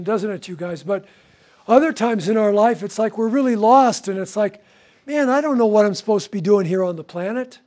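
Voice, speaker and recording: An older man, a counselor, teaching a recovery class to a group, animated and gesturing, often asking tag questions. He is in a room with a whiteboard, filmed at medium distance. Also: high voice.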